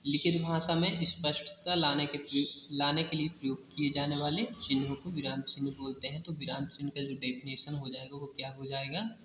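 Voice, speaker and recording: A man's voice: medium pitch, sharp tone. A man explains grammar in a classroom style, asking questions and answering them himself. He mixes in words and keeps saying "okay". The recording is dull and lo-fi, with a long echo and faint hiss. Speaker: teacher.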